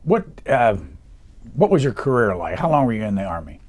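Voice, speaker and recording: A man's voice: medium pitch, big pitch swings, a little fast, darkish tone. A man hosting a long-form interview, asking plain, direct questions. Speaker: interview host.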